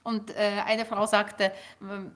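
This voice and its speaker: A middle-aged Ukrainian-speaking woman, appearing as a linguist guest, fields interview questions in a measured, explaining manner and uses fillers often. She keeps a level tone in a mid-range voice.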